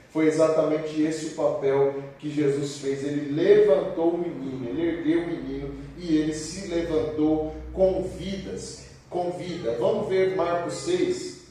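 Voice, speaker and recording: A man preaching at a church service, reading scripture aloud and explaining it, acting out the quoted speech. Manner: animated, acts out quoted speech with sudden pitch jumps. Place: church hall. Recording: very echoey church hall, voice far from the mic.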